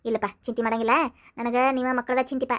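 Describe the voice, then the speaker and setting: Brief: a woman playing a chatty cartoon village mom, proud of her thieving sons, high-pitched. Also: flat delivery, quick pace, close to an everyday voice. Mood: storytelling. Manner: chatty, rambling, prodding with "aa?". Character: fussy middle-aged mother of thieving sons. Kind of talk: cartoon voice acting.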